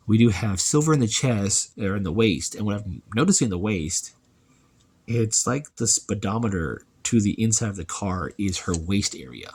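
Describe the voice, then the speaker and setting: A man casually reviewing a toy, chatty and relaxed, thinking aloud as he handles it. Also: fairly low pitch, breathy edge.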